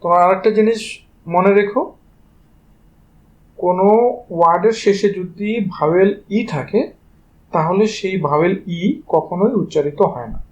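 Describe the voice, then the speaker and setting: High-voiced Bengali man teaching pronunciation. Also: normal speed, pauses often, lo-fi sound. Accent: Bangladeshi Bengali. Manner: spells words letter by letter before saying them; addresses students directly and informally. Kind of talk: spelling-based pronunciation lesson.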